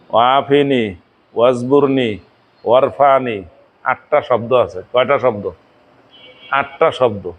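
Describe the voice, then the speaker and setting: A man from Bangladesh, an Islamic scholar with a Bangladeshi Bengali accent, teaching a religious lesson on prayer. He recites Arabic prayers slowly and asks rhetorical questions that he answers himself. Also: mid-range voice. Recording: tinny phone-like sound.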